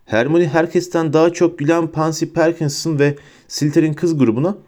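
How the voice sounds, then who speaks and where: A man narrating an audiobook in a measured, expressive storytelling manner. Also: a little high.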